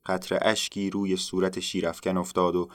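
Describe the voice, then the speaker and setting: A man calmly narrating a folktale as storyteller, in an unhurried telling. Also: deep voice, no room sound, studio quality.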